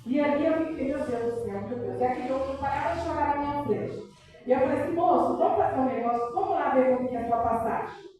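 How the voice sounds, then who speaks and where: A woman's voice: high voice, dark tone. A middle-aged woman with a Brazilian accent giving an emotional church testimony, breaking in often with praise and prayer. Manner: emotional, peppered with praise interjections. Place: church hall. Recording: very echoey church hall from far off.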